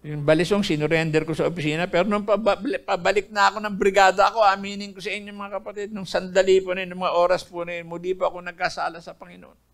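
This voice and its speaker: A man's voice: sits high, flat delivery, fast. An older man from the Philippines, earnestly telling his personal faith testimony to his listeners. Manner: earnest storytelling, addressing listeners as brethren. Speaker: testimony speaker.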